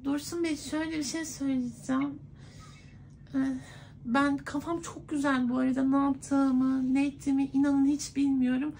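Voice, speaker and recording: Man doing a high-pitched coy woman's voice. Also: flat delivery, normal speed, a little mellow, slight background noise. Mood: coy, tipsy. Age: 20s. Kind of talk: prank phone call. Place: clothing shop, indoors.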